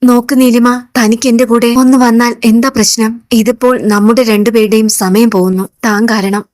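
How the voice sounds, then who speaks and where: A woman's voice: on the high side, flat delivery, normal speed, a little mellow, dry recording, studio quality, natural voice. A woman reading the lines of a scheming young man who pushes a woman to dine with him, in a coaxing, pushy way.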